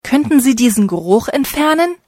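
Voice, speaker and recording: A woman's voice: high-pitched, animated, normal speed, dark tone, dry recording, clean studio sound, voice pushed up. A woman voicing a friendly young man.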